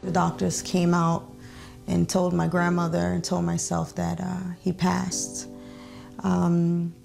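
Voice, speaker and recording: A woman telling her life story in an interview, speaking haltingly with many fillers and pauses. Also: lowish voice, completely flat delivery, gravelly. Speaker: interviewee sharing her testimony. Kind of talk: reflective testimony interview. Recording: soft music underneath.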